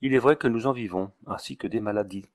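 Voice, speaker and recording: A man's voice: fairly low pitch, fast, lightly acted. A man reading the part of a long-winded, ceremonious village doctor in an audiobook. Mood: sententious. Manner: wordy, ceremonious, preachy.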